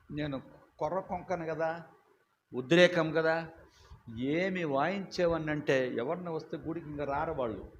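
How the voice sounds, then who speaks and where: Older male preacher, loud and emphatic storyteller, slight hiss behind. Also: a little high. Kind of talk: sermon. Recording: dull lo-fi recording with faint hiss.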